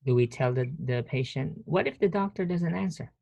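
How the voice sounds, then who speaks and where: A man's voice: on the high side, expressive, brisk, gravelly, warm tone, dry recording, highs cut off. A man teaching a nursing class over a video call, talking casually, restarting sentences and quizzing students. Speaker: nursing professor. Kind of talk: online class lecture.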